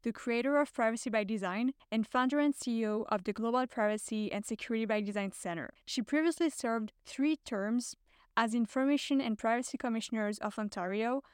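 A woman hosting a podcast, reading a scripted introduction with measured, clear delivery. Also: on the high side, dry recording. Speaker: podcast host.

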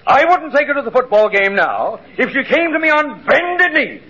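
An actor playing a pompous, easily flustered, lovelorn mayor with formal speech in a 1940s radio comedy. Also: male voice, very high voice, big pitch swings, normal speed, bright, forceful tone, full character voice. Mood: wounded indignation. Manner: formal, dignified, indignant. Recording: muffled, hissy 1940s radio recording.

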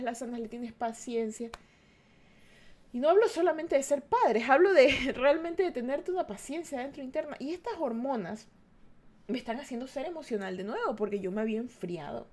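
A woman's voice: on the high side, darkish tone. An adult woman hosting a podcast, giving an earnest, reflective monologue and speaking directly to her listeners. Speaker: podcast host.

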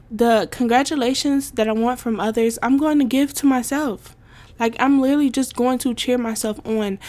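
A woman's voice: fairly high pitch, a little mellow. A young adult woman hosting a casual solo podcast, talking emphatically with lots of repetition, "like" fillers and frequent laughter. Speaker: podcast host.

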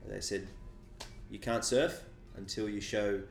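Australian man, interview guest, low voice, measured and reflective, echoey room with faint music. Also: steady tone, gravelly. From Sydney, Australia. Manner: measured, reflective, explains at length. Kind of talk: conversational storytelling. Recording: roomy echo with faint music.

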